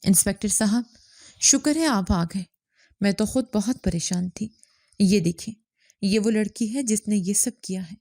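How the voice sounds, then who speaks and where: A cunning rich villainess who threatens one moment and coaxes the next, voiced by a woman narrator in a mellow, low-key tone on a dry, close recording. The delivery stays measured even when menacing. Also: no echo, lightly acted. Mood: falsely worried. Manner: threatening, coaxing.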